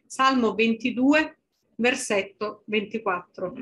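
A woman's voice: on the high side, takes it slowly, fairly bright tone. A woman interpreting a sermon phrase by phrase, with small restarts.

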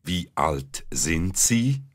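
A man speaking example phrases in a language lesson, enunciating clearly and carefully for learners. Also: low-pitched, sing-song, drawn-out words. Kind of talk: slow scripted language-lesson reading.

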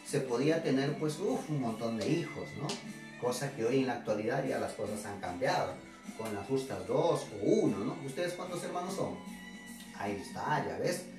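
A male teacher lectures in a lively, swooping voice, peppering his talk with rhetorical questions and playful jabs at the class. He sounds distant from the mic, in a very echoey room with faint music behind him. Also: medium pitch. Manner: chatty, constantly asks rhetorical questions with tag '¿no?'; addresses students directly, playful and teasing. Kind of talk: classroom literature lecture to students.

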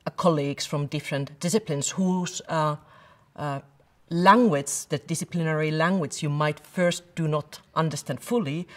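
A middle-aged woman researcher speaking in a documentary interview, hesitant and full of fillers. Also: low-pitched. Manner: hesitant, with many filler sounds.

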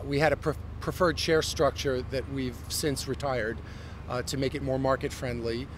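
A middle-aged male CEO from the United States delivers a polished business pitch, fluent in corporate style but full of frequent "um" and "uh." He's interviewed outdoors on a busy downtown street, speaking into a handheld mic held by the interviewer. City traffic is audible in the background.

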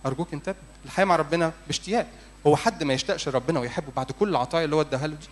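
A male priest with an Egyptian Arabic accent gives a church sermon at a rapid clip. His voice sits a little high for a man. He pleads with the congregation and keeps asking them questions. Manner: urgent, pleading, asks the congregation rhetorical questions.

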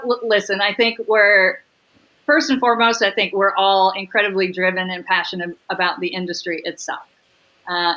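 Bright-voiced woman on a video call. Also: fairly low pitch, poor audio. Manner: upbeat, quick, laughs easily. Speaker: catering sales executive, guest. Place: home room with windows.

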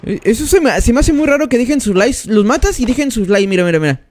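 A man's voice: extremely high pitch, animated, fast, darkish tone, a little hiss or hum. A man commenting on his mobile gameplay during a live stream, chatting and greeting each viewer by name as he plays. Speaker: gaming streamer.

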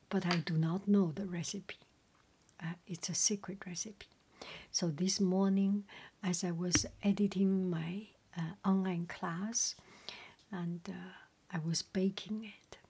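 A middle-aged woman whispering a casual ASMR chat as a home cook, halting and often repeating herself in a breathy voice. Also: mid-range voice, steady tone, background noise. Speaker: home cook and video creator.

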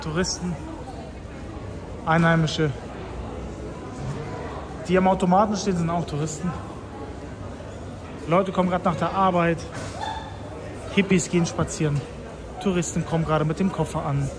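This Tajik vlogger, a man in his thirties, gives street-walking commentary as he crosses a city square and station at night with the camera at arm's length. His fairly high voice keeps an even intonation at a moderate pace, broken by long pauses, amid crowd sounds and loud traffic noise.

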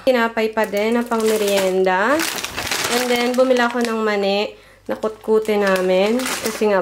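A woman with a Filipino accent, from the Philippines, narrates a haul vlog in a chatty, casual way, going through her items one by one. Her voice is a little high, and loud background music leaves the recording noisy.

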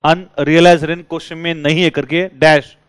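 A man teaching a class, lively and drilling his students with repeated questions. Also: a little high, a little fast, clean tone, dry recording. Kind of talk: classroom lecture.

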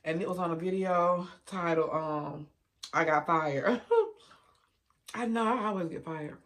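A woman's voice: on the low side, a little slow, fairly bright tone. A woman in her thirties chatting casually to viewers while chewing a mouthful of food, laid-back and easygoing. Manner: laid-back, talks straight to viewers with little laughs. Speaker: mukbang vlogger. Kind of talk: casual chat while eating.

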